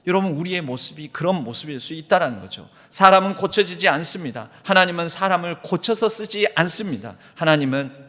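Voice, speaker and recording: Man, pastor, sermon, bright forceful voice, reads aloud with feeling, long church reverb. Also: on the high side. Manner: reads aloud from a book with emotional emphasis. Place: church sanctuary.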